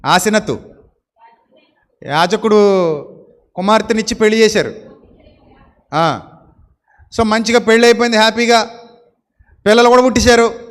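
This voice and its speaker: ఉత్సాహంగా ప్రసంగించే high pitch pastor. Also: male voice, sits high, moderate pace, pauses often, big-room sound. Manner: animated preaching with rhetorical questions and playful mock quotes. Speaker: pastor. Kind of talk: sermon.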